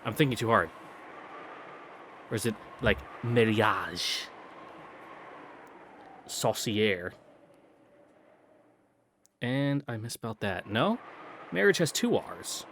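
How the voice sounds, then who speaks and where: A man's voice: mid-range voice, sing-song, normal speed, pauses often, a bit bright, slight background noise. A man reading a visual novel aloud, breaking off for casual, self-mocking asides and puzzling over pronunciations. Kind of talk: read-through with joking asides.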